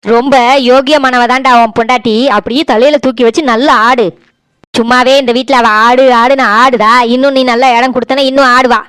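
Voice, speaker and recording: A sharp-tongued older mother-in-law, voiced by a woman with a Tirunelveli Tamil accent, accusing and self-pitying by turns. The voice sits a little high and sounds smooth and clean, recorded dry and close for a cartoon. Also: fairly even intonation, fairly quick, no echo. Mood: indignant. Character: domineering older mother-in-law, quick to scold. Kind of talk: cartoon voice acting.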